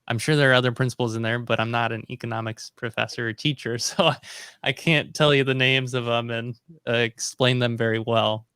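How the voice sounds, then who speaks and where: Male host on a video call, bright clear voice, dry sound, easygoing and rambling. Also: mid-range voice, dry recording. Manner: rambling, many ums and restarts. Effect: video call audio. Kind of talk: casual live-stream chat.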